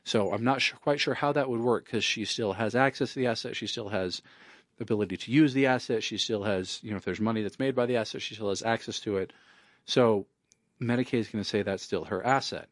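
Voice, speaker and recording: A man's voice: lowish voice, brisk, dry recording, clean studio sound. A man who works as an estate planning attorney, talking in a wry, conversational way and leaning on "you know". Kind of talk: casual spoken monologue.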